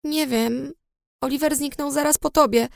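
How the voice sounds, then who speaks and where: A wounded teenage girl speaks in short, cold replies, with a shake in her voice, as a woman narrator puts her on. She sits a little higher than the narration. The sound is close and dry, with no room around it. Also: fairly even intonation, moderate pace, gravelly, dry recording. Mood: bitter. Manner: curt, bitter, trembling. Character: upset teenage girl friend, cold and hurt.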